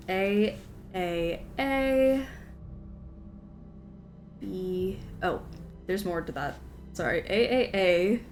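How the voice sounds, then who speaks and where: A woman streaming a game, chatting casually with viewers, giggling often and apologizing in quick asides. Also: fairly low pitch.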